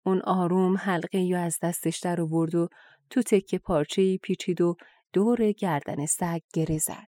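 A woman reading a folk tale aloud as an audiobook, in a steady, gentle narration. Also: fairly low pitch, dry recording, clean studio sound. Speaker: audiobook reader. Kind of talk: scripted storybook narration.

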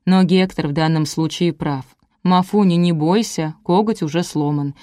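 Woman reading a calm housekeeper, soothing and matter-of-fact, slow and even, dry close sound. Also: lowish voice, no room sound, close to an everyday voice.

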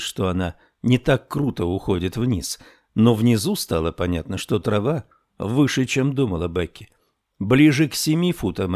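Low-voiced man narrating an audiobook. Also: a little mellow, no echo, clean studio sound. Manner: slow, measured storytelling.

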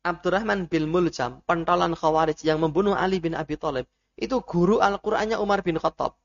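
Javanese-accented male teacher, gravelly, animated lecture storyteller, muffled lo-fi audio. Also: fairly high pitch, brisk. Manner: animated storytelling with Javanese asides, mixing in Arabic terms. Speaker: religious teacher. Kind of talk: Islamic study lecture.

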